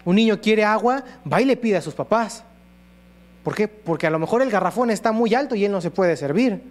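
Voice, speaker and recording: A man's voice: sits high, lively intonation, brisk. A man preaching a sermon, earnestly acting out prayers and quoted voices.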